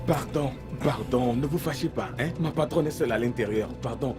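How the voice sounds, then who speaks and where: A man's voice: mid-range voice, brisk, lightly acted. A man playing a cowardly gatekeeper who stammers and pleads in panic in a dubbed film. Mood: panicky. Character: cowardly, fast-talking male gateman. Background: film music.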